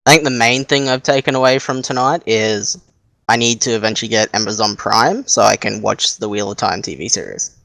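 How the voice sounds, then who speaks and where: A man's voice: on the low side, brisk, vocal fry, a bit bright, no room sound. A man on a casual gaming podcast, joking and teasing the others.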